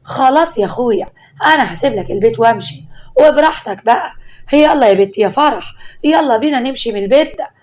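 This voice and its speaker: A woman with an Egyptian accent voicing a domineering older mother-in-law, loud and scolding. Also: on the high side, expressive, quick pace, a little hiss or hum, natural voice. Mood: indignant.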